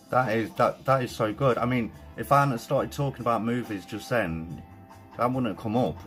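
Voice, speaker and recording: Brief: British man, live-stream host, chatty and excitable, casual swearing, faint music behind. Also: fairly low pitch.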